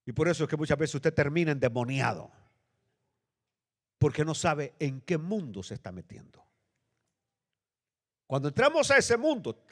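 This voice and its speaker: Animated male pastor preaching in echoing church. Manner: dramatic preaching, swinging from loud high bursts to low hushed lines. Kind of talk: sermon. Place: church sanctuary. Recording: long reverb of a church hall.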